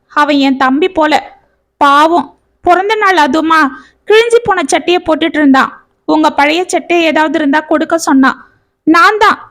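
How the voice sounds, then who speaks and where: A woman voicing a young wife who pleads her innocence in a high, tearful voice. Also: fairly bright tone.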